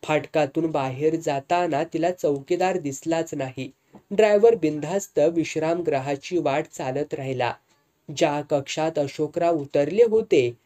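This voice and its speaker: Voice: medium pitch, dark tone. A narrator reading a dramatic story steadily, as an audiobook.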